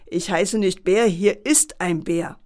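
A nervous, rule-bound factory gatekeeper, as a woman puts him on in a children's bedtime story. He talks higher and louder than the narration, with a gravelly edge to his voice. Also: unhurried. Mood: flustered.

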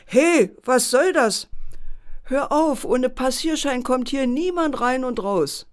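A woman voicing a flustered, rule-bound male factory gatekeeper in a children's story, speaking high and loud with a gravelly edge. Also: unhurried.

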